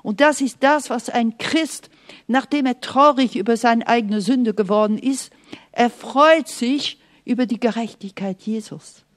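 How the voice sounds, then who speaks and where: A woman preaching a sermon in an earnest, emphatic way, sometimes dropping to soft, hushed asides and speaking straight to the listener. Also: fairly high pitch, unhurried. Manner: speaks directly to the listener, often asking "Okay?".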